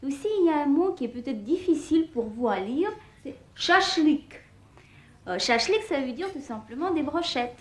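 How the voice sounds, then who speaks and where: Brief: female language teacher, high bright-sounding pitch, very animated, spells things out. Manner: clear, spells words out slowly for learners. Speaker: Russian teacher. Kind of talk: scripted language lesson.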